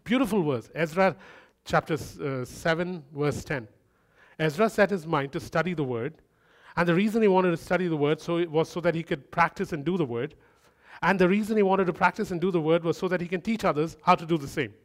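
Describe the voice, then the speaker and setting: Preaching briskly, a man with a somewhat high voice keeps his sermon loose and conversational. He weaves in jokes on the side and strengthens each point by repeating key phrases.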